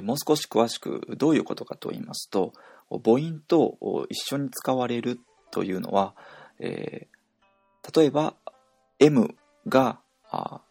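Low gravelly man teaching pronunciation. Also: dry recording. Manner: slow and explanatory, with many hesitation fillers. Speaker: language teacher. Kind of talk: spoken pronunciation lesson.

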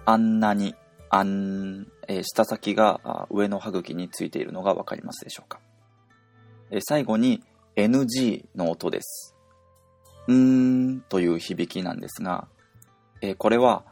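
Slow, gravelly male language teacher. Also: lowish voice, a little mellow. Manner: slow and halting, many "eh" fillers. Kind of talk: pronunciation lesson podcast.

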